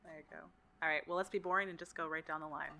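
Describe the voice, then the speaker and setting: Quick-talking woman moderator. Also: sits low, fairly even intonation, vocal fry, bright, forceful tone, a little hiss or hum. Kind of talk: moderating a panel.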